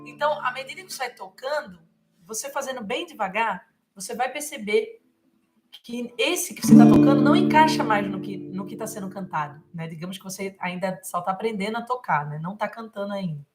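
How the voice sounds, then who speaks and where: A woman's voice: mid-range voice, animated, brisk. A woman music teacher giving a live guitar lesson, who sings short mantra lines and then patiently explains the chord changes, with frequent fillers. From Brazil. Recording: faint guitar playing behind the voice.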